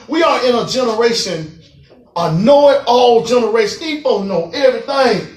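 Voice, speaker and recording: A man preaching to a group of parolees, animated, laughing and acting out voices as he goes. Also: very high voice. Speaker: prison minister. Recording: echoey room, mic far off.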